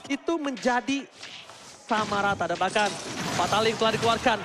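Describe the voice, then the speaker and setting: A very high-pitched male esports shoutcaster with an Indonesian accent. He calls the match like a fighting game announcer, dramatic and emphatic, pushing his voice toward a shout. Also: a little fast, noisy background. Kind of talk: excited fighting game announcer style play-by-play commentary.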